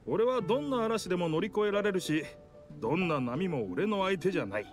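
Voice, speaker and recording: A man's voice: high-pitched, lively intonation, racing, soft background music. A man voicing a hearty, boastful male sea creature in a video game who offers to ferry the heroes. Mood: jovial. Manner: boastful, jovial.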